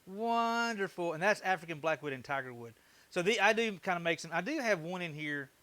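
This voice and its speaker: A man's voice: a little high, animated, fast talker, pushed and bright, dry recording. A man with a Southern US accent hosting a woodworking livestream, chatting in an easygoing, folksy way with viewers while he works. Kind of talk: casual livestream chat while working.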